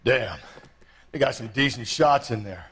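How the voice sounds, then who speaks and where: An actor playing a world-weary, profane police detective in a 1940s crime game, talking bluntly. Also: male voice, medium pitch, lively intonation, measured pace, fairly bright tone, husky, exaggerated voice. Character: gruff cynical middle-aged male police detective.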